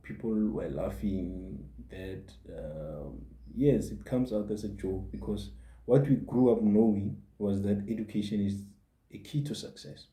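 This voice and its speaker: A man's voice: lowish voice, mellow. A man in his forties gives a motivational monologue as a podcast host, earnest and repeating his points for emphasis. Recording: roomy echo.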